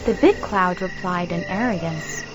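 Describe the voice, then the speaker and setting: A woman narrating a children's story in an expressive, animated storytelling manner. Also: lowish voice, measured pace, background noise. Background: background music.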